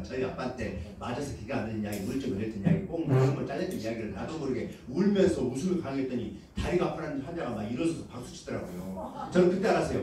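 A man from Korea's Jeolla region giving a motivational lecture to a live audience, leading call-and-response and acting out quoted lines with frequent laughter. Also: medium pitch. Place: lecture hall. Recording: echoey hall, heard from a distance.

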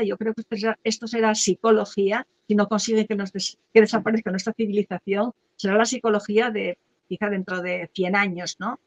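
A woman talking as an interview guest, explaining her therapy work in a lively way and acting out quoted voices, with frequent restarts. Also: mid-range voice, gravelly. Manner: animated, acts out quoted voices, many restarts. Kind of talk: conversational explanation. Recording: dull lo-fi sound.

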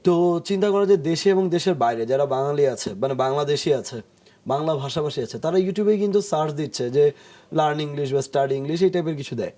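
A man appearing as a studio guest on a TV talk show, explaining English pronunciation patiently, acting out jokes and pausing often with hesitation sounds. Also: on the high side, warm tone.

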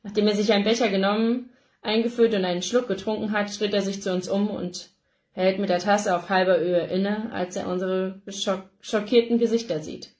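Woman reading a novel aloud, emotional and expressive, roomy echo. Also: mid-range voice, moderate pace. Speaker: audiobook reader. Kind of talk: first-person novel reading.

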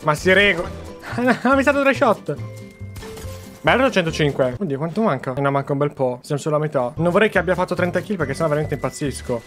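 High-voiced excitable Italian young man. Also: fast talker, soft background music. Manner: animated, chatty, addresses viewers as "ragazzi". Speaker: gaming YouTuber. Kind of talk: excited gameplay commentary. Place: home gaming room.

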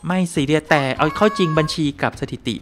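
A man's voice: on the high side, fast, over music. A man streaming a game live, joking with his chat, exclaiming often and thanking viewers for donations. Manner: animated and joking, with frequent exclamations and laughs. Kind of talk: casual live-stream gameplay commentary.

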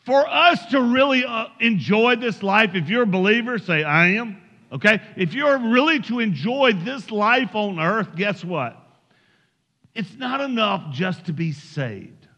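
A man's voice: high-pitched, bright, forceful tone. A man preaching a sermon as pastor, telling folksy stories and urging the congregation emphatically. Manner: folksy storytelling, emphatic exhortation. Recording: echoey hall, dull lo-fi sound.

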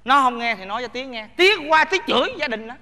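An actor playing a boisterous, tipsy old rural father with a Southern Vietnamese accent, loud and drawn-out. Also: extremely high pitch, lively intonation, heavily acted. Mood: tipsy, eager.

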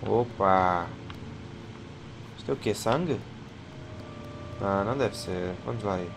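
Male let's-player, European Portuguese accent, jumpy and chatty, game sounds clearly audible under the voice. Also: fairly low pitch, takes it slowly. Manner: excitable, yelps and swears at jump scares, mutters to himself. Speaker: gamer playing a horror game. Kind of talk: let's play commentary. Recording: clear game noise behind voice.

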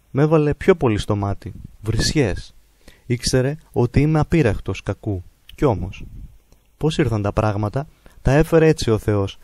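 A man reads a life story in a slow, measured, reverent way. His voice is mellow and dark, and the sound is dry and close with no room echo. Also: mid-range voice. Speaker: narrator. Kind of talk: calm biographical narration of a holy man's life.

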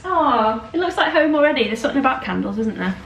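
A woman's voice: sits high, lively intonation, quick pace, creaky, fairly bright tone. A young woman from northern England chatting casually to camera in a self-mocking way, her voice echoing like in a cave in an empty house. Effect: cave-like echo of an empty house. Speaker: vlogger. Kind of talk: casual vlog chat. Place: empty house, bare rooms indoors. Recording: echoey empty room, faint noise.

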